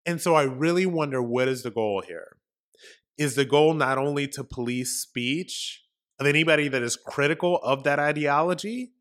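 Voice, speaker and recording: A man's voice: on the high side, normal speed, fairly bright tone. A man hosting a political commentary podcast, talking emphatically in a ranting monologue full of repetition and rhetorical questions. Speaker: podcast host.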